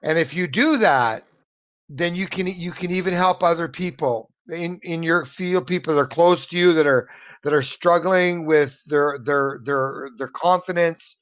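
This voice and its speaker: An American man from the United States tutors English in an online lesson, his voice on the high side, unhurried and a bit bright. He talks earnestly and encouragingly, often repeating words while he searches for the next one, and the video call audio comes through dull and muffled.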